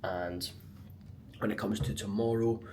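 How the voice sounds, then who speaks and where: A man's voice: fairly low pitch, fairly even intonation, a little slow, a little mellow, a little hiss or hum. A young Scottish man chatting casually and colloquially to a handheld camera in a vlog. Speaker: vlogger, amateur marathon runner. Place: on the move around a city, partly outdoors. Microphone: handheld action camera.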